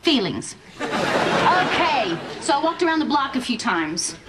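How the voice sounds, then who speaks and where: High-voiced, feisty American woman. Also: very animated, unhurried, over a noisy crowd. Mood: flustered, resigned. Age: 30s. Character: feisty, stubborn, wisecracking sitcom bride-to-be in her thirties. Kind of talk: 1990s TV sitcom acting. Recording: noisy TV sitcom soundtrack.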